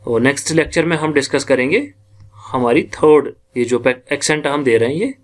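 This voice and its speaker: A man's voice: mid-range voice, moderate pace. A man teaching English phonetics, sounding out each syllable and mixing Hindi with English. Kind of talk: lecture, spelling out word sounds slowly.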